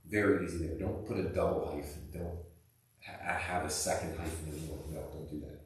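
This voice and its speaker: A man's voice: a bass voice, steady tone, a little fast. A male teacher giving a classroom lesson in a casual, rambling way with lots of fillers, recorded by a camera across the room. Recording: echoey room, distant camera mic.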